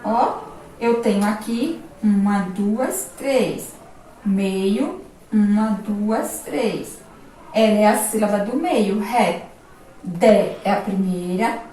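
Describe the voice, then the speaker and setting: Slow, patient woman teacher, Brazilian Portuguese accent. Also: mid-range voice, dark tone, slight background noise. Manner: slow, syllable-by-syllable teacher talk with diminutives. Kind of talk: remote lesson for young children. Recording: echoey distant room mic, faint ambience.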